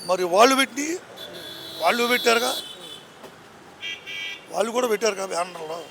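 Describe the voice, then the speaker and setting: High, gravelly man arguing on a street. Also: expressive, moderate pace, pushed and bright, slight background noise. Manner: argumentative, heated political opinion. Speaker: member of the public. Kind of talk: street interview answer. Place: city street outdoors.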